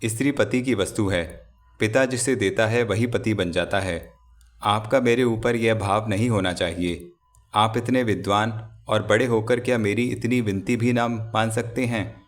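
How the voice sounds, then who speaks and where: A man's voice: fairly low pitch, unhurried, lightly acted. A man voicing a frightened, tearful young married woman in an audiobook, pleading and trembling. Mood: grave pleading. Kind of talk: audiobook character reading.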